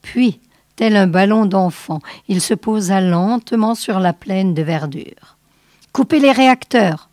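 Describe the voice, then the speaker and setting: A woman's voice: mid-range voice, unhurried, warm tone, no echo. Woman reading a novel aloud, dry sound. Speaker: reader.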